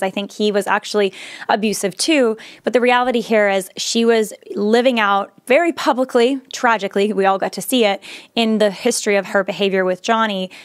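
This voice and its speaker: A woman's voice: medium pitch, dry recording, studio quality. A woman speaking earnestly, now and then restarting with fillers. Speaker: speaker sharing her views. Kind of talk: earnest monologue.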